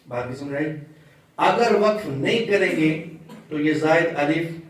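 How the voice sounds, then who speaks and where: Man, Quran recitation teacher, patient explanation, slow chanted examples, slightly high voice, distant mic, heavy room echo. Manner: patient, explains step by step and chants words slowly to show pronunciation.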